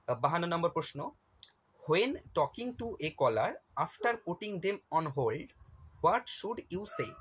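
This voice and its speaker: A male teacher, going through exam questions, reading the English slowly and then explaining them at length. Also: on the high side, a bit bright, a little hiss or hum, rough recording. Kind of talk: exam question walkthrough lesson.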